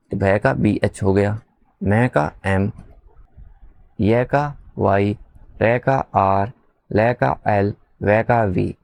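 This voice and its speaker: A man teaching beginners to spell, slowly repeating sounds and letters and asking his listeners questions back. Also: on the low side, darkish tone, dry recording. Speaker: English teacher. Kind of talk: slow spelling lesson for beginners.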